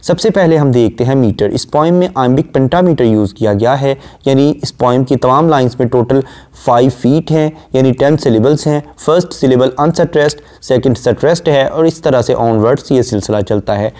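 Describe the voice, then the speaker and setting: A man with an Urdu-inflected Hindustani accent giving a classroom lecture on poetry, quoting lines slowly and then explaining them. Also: medium pitch, darkish tone. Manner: explains line by line, quotes slowly then paraphrases; rapid listing during rhyme scheme drills. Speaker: literature lecturer.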